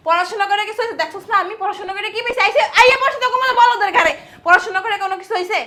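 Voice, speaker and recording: A woman's voice: very fast, sharp tone. A woman playing a spiteful sister-in-law who berates and mocks her husband's younger brother. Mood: mocking. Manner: shrill, berating, mocking. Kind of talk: amateur family drama acting.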